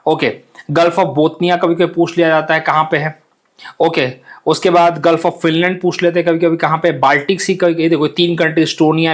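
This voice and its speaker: An exam coaching teacher, a young man whose voice sits a little high for a man, walks exam students through a map lesson. He keeps it relaxed and chatty, repeating himself, asking his listeners questions and slipping in English words.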